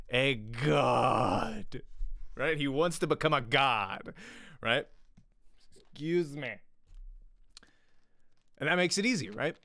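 Fairly bright and medium in pitch, this thirties-aged acting teacher keeps his livestream lesson casual and chatty, frequently tossing in "right?". He's close on a pop-filtered studio microphone, wearing headphones in a small room, and the recording is dry.

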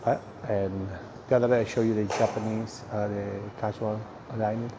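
A chatty, excitable middle-aged Spanish man gives a casual walking vlog tour of an indoor cafeteria and dining hall, filming on a phone held at arm's length. His voice is on the low side, his speed normal, and he uses lots of fillers. The phone recording is noisy.

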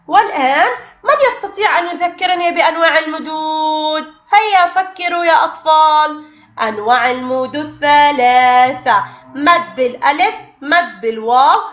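Bright, lively woman teaching small children. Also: sits high. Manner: slow, drawn-out sounding of letters, sing-song praise. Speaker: kindergarten teacher. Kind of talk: recorded online lesson for young children. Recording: dull, echoey room.

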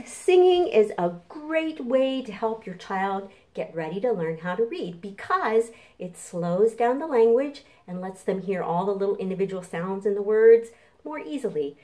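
Filmed indoors in a home kitchen by a camera set a little way off, a middle-aged woman leads a preschool storytime as a children's librarian. Her warm, medium-pitched voice is very animated and moves at a moderate pace as she offers simple encouragement to little ones and their parents.

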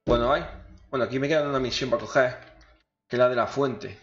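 A gaming video host with a Spanish accent talks fast in a medium-pitched, fairly even voice, muttering casual, coarse gameplay commentary to himself. The recording is echoey, with a dull microphone and faint game music in the background.

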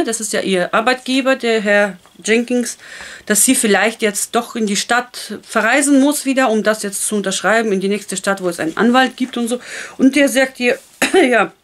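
A woman casually retelling a romance novel and reading passages aloud, chatty and full of fillers and self-corrections. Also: medium pitch. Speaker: book reader and channel host.

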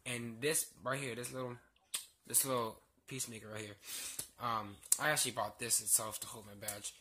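A young adult man with a medium pitch and fairly even intonation speaks at a moderate pace in a casual bedroom vlog. Subdued, hesitant and rambling, the theme park ride worker is under the weather with a sore throat and a cold sore on his lip. The small indoor room is captured by a phone or laptop at arm's length, in a handheld recording with faint noise.

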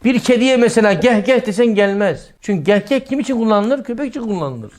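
With a high-sitting voice and slightly quick delivery, a middle-aged man preaches energetically. He dramatizes quotations loudly, then drops to a soft tone for side remarks.

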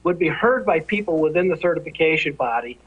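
A man's voice: fairly high pitch, animated, breathy edge. Man on a tinny phone line. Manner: measured, careful, lists points. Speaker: interview guest, industry executive. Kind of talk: formal explanatory answers.

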